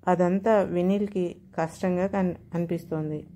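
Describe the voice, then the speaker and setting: A woman reading an audio story aloud in a measured, even storytelling manner. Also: on the low side. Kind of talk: scripted narration of an audio story.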